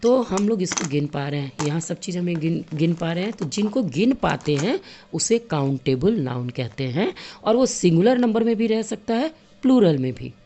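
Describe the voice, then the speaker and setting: Patient lady teacher explaining slowly to kids, low mellow voice. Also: expressive. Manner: patient, repeats and counts aloud with objects. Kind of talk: classroom lesson for children.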